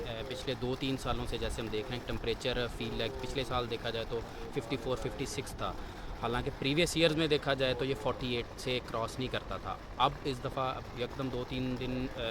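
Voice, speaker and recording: A man answers questions as a visiting agriculturist, explaining slowly with frequent hesitant fillers. His voice is in an ordinary middle pitch. Steady outdoor noise runs clearly beneath him. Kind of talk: casual interview answers. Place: outdoors on a farm.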